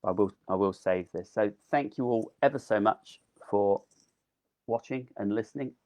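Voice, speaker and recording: A lowish, darkish male voice moves at a moderate pace through a casual, enthusiastic live gardening talk online. The speaker grows delphiniums; he chats freely with frequent ums while his voice is going.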